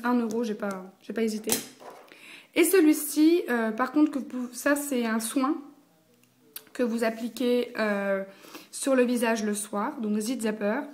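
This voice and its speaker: A young woman, chatting casually through a makeup review, full of fillers and slang. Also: on the high side. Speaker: beauty vlogger.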